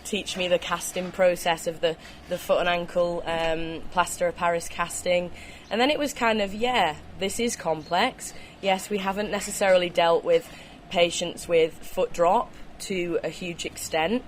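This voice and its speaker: A woman's voice: lowish voice, fairly even intonation, unhurried. A woman giving conversational answers as an interview guest, speaking outdoors on a ski slope. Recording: noisy outdoor recording with ambient sound.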